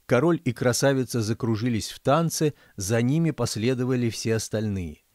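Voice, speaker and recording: A man, the author, reading his fairy-tale audiobook in a measured, storytelling manner. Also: mid-range voice, darkish tone, no room sound, studio quality. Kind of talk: audiobook narration.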